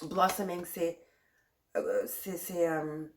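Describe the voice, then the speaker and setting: A woman's voice: fairly low pitch, animated, takes it slowly, slight background noise. A woman with a cold and a sore throat gives a pick-a-card tarot reading. She talks to the viewer in a reassuring way, repeats herself and drops in English words. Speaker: tarot reader.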